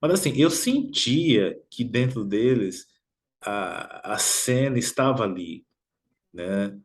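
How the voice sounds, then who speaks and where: A Brazilian man telling a personal story in a reflective, unhurried way, often ending phrases with a questioning "né?". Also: mid-range voice, expressive. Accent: Brazilian Portuguese. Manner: reflective, frequent "né?" tag questions. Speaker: motivational video host.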